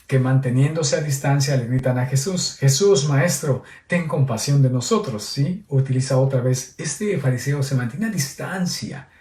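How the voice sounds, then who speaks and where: A priest with a medium-pitched, darkish voice gives a teacherly homily on a Gospel reading, frequently checking in with his listeners. The sound is echoey and he seems to be at a distance.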